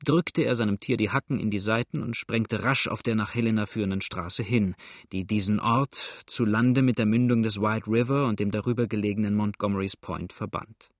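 A man narrating an audiobook of a Western adventure, with measured, even storytelling. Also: on the low side, no echo, studio quality.

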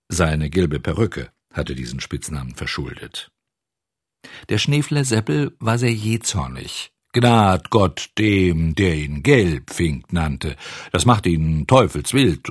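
A man reading a children's storybook aloud with expressive, animated narration. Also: low voice, breathy edge, dry recording, studio quality.

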